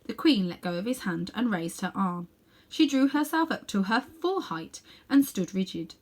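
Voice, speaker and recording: With a medium-pitched voice at normal speed, a storybook reader narrates a children's tale expressively.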